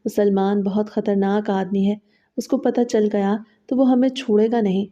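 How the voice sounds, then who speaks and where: A woman's voice: medium pitch, level tone, mellow, highs cut off, close to an everyday voice. A woman voicing an anxious, scolding wife in a horror story. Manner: anxious, reproachful. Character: worried, scolding housewife.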